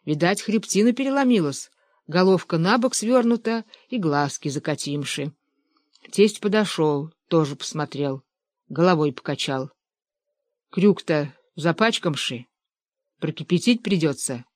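A reader narrating a story as an audiobook in a steady storytelling manner. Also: medium pitch, normal speed, dry recording.

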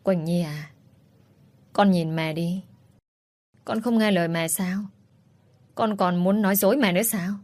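A woman's voice: on the low side, measured pace, long pauses, lightly acted. A woman doing a tender, protective middle-aged mother. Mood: pleading. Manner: pleading, emotional, soft-spoken.

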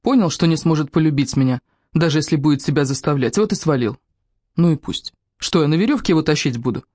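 A woman's voice: deep voice, fast, dark tone, dry recording, studio quality. A woman voicing a sulky, hurt young woman muttering bitterly in a storybook reading.

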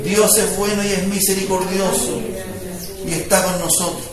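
A man gives a sermon in a strikingly high voice, folksy and direct, repeatedly checking that his flock follows. He sounds set back from the microphone. The sound rings around a heavily echoing church room. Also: fairly even intonation, moderate pace, a crowd in the background. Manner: conversational preaching with rising fervor, frequent "¿me entiende?". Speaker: pastor. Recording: echoey room, voice from far off mic.

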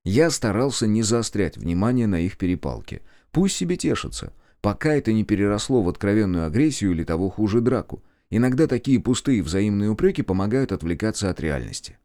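A man reading an audiobook in the first person, expressive, with curt replies in the dialogue. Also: fairly low pitch, fairly quick, few pauses, no echo, clean studio sound. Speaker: audiobook narrator.

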